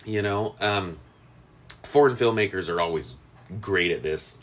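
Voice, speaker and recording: A man co-hosting a podcast in casual chat, rambling with fillers and restarts. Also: measured pace. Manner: rambling, many fillers and restarts, lively pitch. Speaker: podcast co-host.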